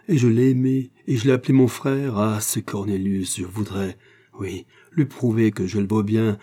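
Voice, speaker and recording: A man's voice: lowish voice, mellow, natural voice. A man reading aloud, voicing a bored, hot-tempered retired sea captain who bursts into angry outcries. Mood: bitter.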